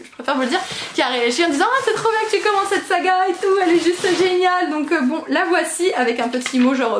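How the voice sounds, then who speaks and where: A woman's voice: sits high, a bit bright, slight background noise. A woman book vlogger chatting casually and gushing over her new books as she unboxes them, giggly and self-mocking. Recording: echoey room.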